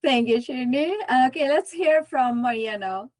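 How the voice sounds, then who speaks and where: Encouraging woman host, fairly high voice. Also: expressive, normal speed, darkish tone, dry recording. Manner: encouraging, thanks guests. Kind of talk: casual livestream interview.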